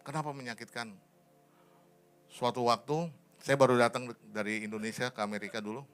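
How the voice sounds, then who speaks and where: A male pastor preaching in a church, his voice rising high and pleading when he presses a point, then sinking soft. He drops English phrases into the sermon. Faint instrumental music plays behind him. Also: fairly even intonation, brisk, smooth. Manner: rises to a high impassioned pitch. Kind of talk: sermon and prayer.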